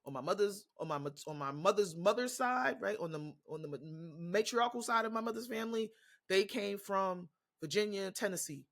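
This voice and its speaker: A podcast host with a New York accent delivers a casual monologue, ranting bluntly and passionately with plenty of profanity. Her voice sits at a medium pitch, and she speaks briskly with lively intonation.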